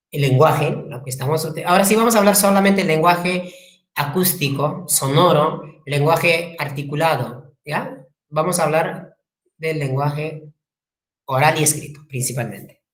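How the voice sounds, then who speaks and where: A man's voice: fairly high pitch, a little slow, reverberant. A male language teacher giving a classroom lecture, repeating key terms, spelling words out and asking the class rhetorical questions.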